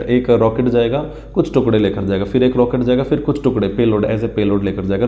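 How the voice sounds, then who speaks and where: A mellow, mid-range man's voice belongs to an English teacher explaining an English news text in Hindi to exam candidates. Mixing Hindi with English, he repeats words to drill pronunciation and draws while explaining, all captured in a roomy, echoing space on dull lo-fi audio.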